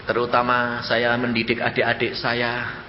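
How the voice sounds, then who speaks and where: A man preaching a sermon as a pastor, animated storytelling with sudden jumps up in pitch when he acts out dialogue. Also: unhurried, reverberant, long reverb tail, muffled recording, a little hiss or hum.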